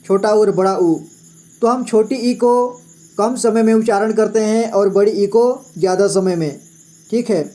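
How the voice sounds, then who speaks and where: Slow, patient man teaching reading. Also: sits high, dark tone. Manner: spells words out letter by letter, repeats "ठीक है" often.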